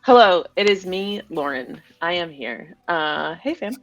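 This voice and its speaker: Playful woman with a lively voice. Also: lowish voice, a little slow, no room sound, faint music behind. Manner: playful, jokey. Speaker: designer advocate, co-host. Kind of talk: casual group livestream chat.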